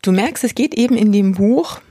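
A woman's voice: a little high, lively intonation, moderate pace, dark tone, dry recording, studio quality. A woman hosting a podcast, talking casually and chatting about a book with frequent fillers. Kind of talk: casual talk with a book reading.

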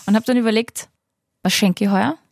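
A woman's voice: medium pitch, fairly even intonation, brisk, gravelly, darkish tone, no room sound. Giggly young Austrian woman, dry sound. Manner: giggly, teasing, rambling. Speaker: podcast co-host. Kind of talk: casual chat.

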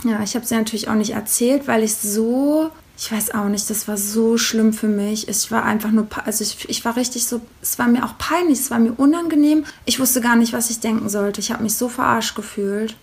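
A woman co-hosting a podcast, telling a personal story in a candid, animated, colloquial way. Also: on the high side, fairly quick, hardly any pauses. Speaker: podcast co-host.

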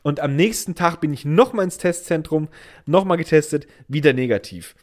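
A young man telling a funny story in casual chat, animated and laughing often as he goes. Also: on the high side, moderate pace. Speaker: podcast co-host.

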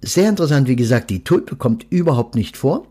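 A man's voice: mid-range voice, expressive, brisk, husky. A man hosting a podcast, reading a children's story aloud and then reflecting thoughtfully on death and letting go. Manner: thoughtful, gently instructive.

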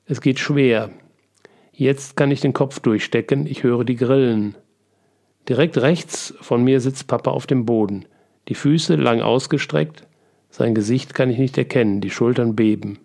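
A man reading a first-person memoir aloud in a calm, reflective manner, as the narrator of a book podcast. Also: medium pitch, measured pace, vocal fry. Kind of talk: audiobook reading.

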